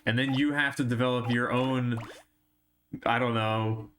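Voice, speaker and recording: A man's voice: mid-range voice, steady tone, unhurried, fairly bright tone. A young man chatting casually on a live stream as he plays, rambling through absurd jokes and tangents. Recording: noisy stream audio with clicks.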